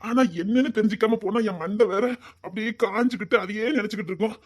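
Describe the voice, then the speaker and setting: A man with a Tirunelveli Tamil accent performing a comic family sketch, trading teasing banter between relatives. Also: fast talker. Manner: teasing banter, jumping between high and hushed lines.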